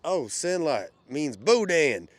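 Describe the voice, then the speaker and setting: A man's voice: a little high, big pitch swings, takes it slowly. A man in his forties giving a playful interview, full of rhyming jokes and wisecracks. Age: 40s.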